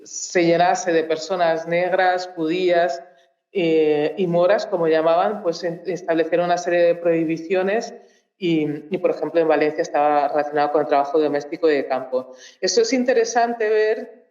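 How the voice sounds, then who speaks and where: A woman from Mozambique, a Portuguese native speaker, gives a public talk as a researcher and panel speaker at a conference in a university auditorium. Her fairly low, slightly mellow voice hesitates as she thinks aloud, pausing and restarting often, and the roomy, echoing sound is a bit muffled and dull.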